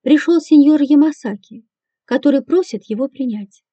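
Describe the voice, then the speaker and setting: A woman's voice: sits high, moderate pace, mellow, muffled recording, lightly acted. Apologetic young porter, read by a woman. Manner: apologetic, hesitant.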